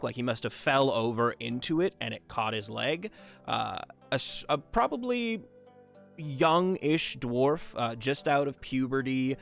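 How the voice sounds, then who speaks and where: Gravelly-voiced man running a tabletop game. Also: mid-range voice. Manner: relaxed, rambling with many fillers. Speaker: game master.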